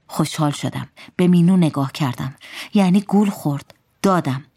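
Low-voiced woman reading a story. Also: dark tone, slightly rough, no echo, studio quality. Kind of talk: first-person story reading.

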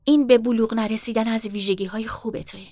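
A woman voicing a restrained older sister who speaks quietly in a storybook reading. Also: steady tone, no echo, clean studio sound, natural voice. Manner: low and quiet.

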